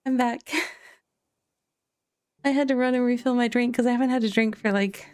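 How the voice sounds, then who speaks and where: A woman's voice: a little high, steady tone, measured pace, darkish tone, smooth, dry recording, studio quality. A woman streaming a game from home, chatting casually to viewers with frequent laughs and loose fillers. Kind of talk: casual live-stream chat. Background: faint chill background music.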